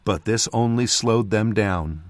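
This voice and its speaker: A man narrating a fantasy novel in the first person, with measured, steady storytelling. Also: fairly low pitch, no room sound. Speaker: audiobook narrator.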